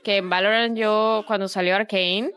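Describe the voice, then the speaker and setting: A young woman in her early twenties with a Mexican accent and a mid-range voice talks casually with a friend during a gaming stream. Her manner is relaxed, easygoing and talkative. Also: medium pitch, normal speed, smooth. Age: early 20s. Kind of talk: casual chat while gaming.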